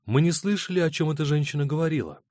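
A man reading an audiobook voices a calm woman asking quiet, puzzled questions. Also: on the high side, fast talker, dry recording, clean studio sound, voice pushed up, close to an everyday voice.

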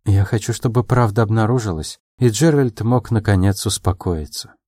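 A man voicing a proud, quick-tempered young woman in an audiobook, her lines pitched a little above his own and delivered in quick, emotional replies. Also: mellow, dry recording, studio quality, natural voice. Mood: anxious, hopeful.

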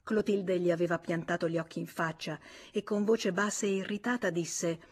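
Husky woman reading a novel aloud. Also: lowish voice. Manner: measured, expressive reading. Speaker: audiobook reader. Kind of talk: scripted literary narration.

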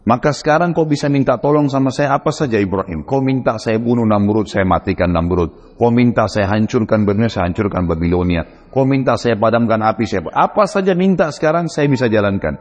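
A preacher voicing a calm, powerful male angel messenger who speaks solemnly and reassuringly, in a dull, echoey hall. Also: mid-range voice, brisk, few pauses, natural voice.

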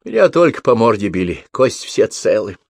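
A man's voice: fairly low pitch, very animated, brisk, vocal fry, a little mellow, breathy edge, dry recording, studio quality, full character voice. A man voicing a desperate, heavyset peasant woman who wails and pleads, in an audiobook. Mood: tearful pleading. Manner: wailing, pleading.

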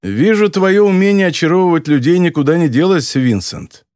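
Brief: narrator as a jaded reporter, flat and cutting, in a dry audiobook read. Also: male voice, a little high, moderate pace, dry recording, voice pushed up, natural voice. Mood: dry sarcasm. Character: weary, resentful ex-journalist man.

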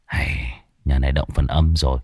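A man voicing a stern young exorcist in a spoken ghost story, speaking gravely and with emphasis. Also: rumbling low, steady tone, moderate pace, darkish tone, no echo, clean studio sound.

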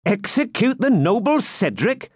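A man doing a high, quick-witted jester. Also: sing-song, dry recording, clean studio sound. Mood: jesting. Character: witty male court jester, quick and mocking.

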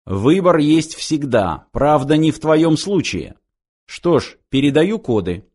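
A man's voice: fairly high pitch, big pitch swings, slow pace, darkish tone, husky, exaggerated voice. A man reading an audiobook, voicing a menacing male machine intelligence that speaks through a handheld device in an imperious, threatening manner. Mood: mocking.

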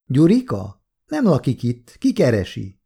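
A man voicing a dying older woman with a smoky, raspy voice who talks bluntly and wearily. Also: medium pitch, huge pitch swings, warm tone, pitched above the performer's own voice, heavily acted. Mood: gruff, weary. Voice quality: raspy, smoke-roughened. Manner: blunt, weary, coarse talk.

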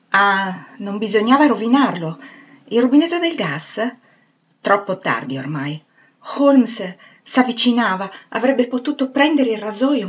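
Woman reading a novel aloud, measured. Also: medium pitch, muffled recording. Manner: measured, expressive literary reading. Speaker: reader.

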